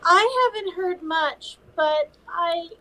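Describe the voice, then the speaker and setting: High-voiced, tentative woman. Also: expressive, slow pace, bright, forceful tone, rough recording. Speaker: panel guest. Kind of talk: casual chat.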